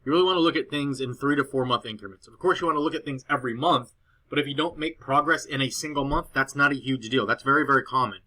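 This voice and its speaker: A man's voice: medium pitch, fast talker, sharp tone. A man explaining a client report in a loose screen-recorded walkthrough, rambling a little with fillers and restarts, recorded at home on a cheap laptop. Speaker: SEO consultant presenting a client report. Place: girlfriend's house, indoors.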